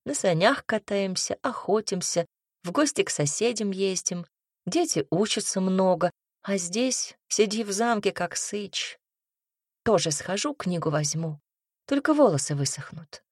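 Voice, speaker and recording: A woman's voice: mid-range voice, lively intonation, a little slow, slightly rough, dry recording. Woman voicing a chatty young maid, gossipy, gushing, lighter voice, dry close sound, storybook.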